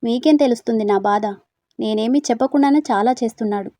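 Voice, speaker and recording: A woman's voice: a little high, fast, dark tone, no echo, natural voice. A woman voicing a timid young woman student who speaks hesitantly and sadly about her confused feelings, in a storybook reading. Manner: hesitant and unsure.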